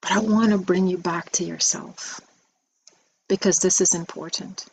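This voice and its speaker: A woman giving a spiritual message video, soft-spoken and reflective, with many pauses and ums. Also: fairly low pitch, steady tone, a little hiss or hum, poor audio. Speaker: spiritual teacher.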